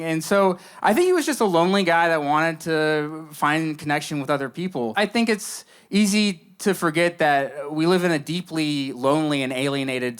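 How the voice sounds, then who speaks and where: A young man performing a deadpan stand-up monologue for a live audience, telling stories with dry, mock-earnest understatement. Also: high-pitched, clean tone. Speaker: stand-up comedian. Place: live comedy show before an audience. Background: audience laughter between lines.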